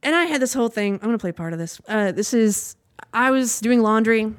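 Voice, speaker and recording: A woman's voice: on the high side, brisk, no echo. A young woman hosting a casual podcast, telling a story in a chatty, rambling way with frequent laughs. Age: young adult. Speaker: podcast host. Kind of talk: casual monologue.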